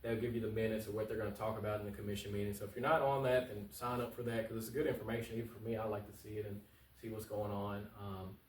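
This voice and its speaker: On the low side and flat in delivery, this man talks fast while answering interview questions as a political candidate. His manner is casual and emphatic, with plain speech and points repeated for stress. There's echo from the room, a distant microphone and faint noise.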